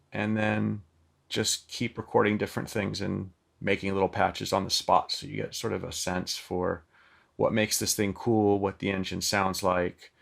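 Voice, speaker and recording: A man's voice: fairly low pitch, vocal fry, fairly bright tone. A man giving a casual, chatty product demo of a synth, with loose phrasing and lots of filler ums. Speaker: synth demonstrator. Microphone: microphone plugged into the synth.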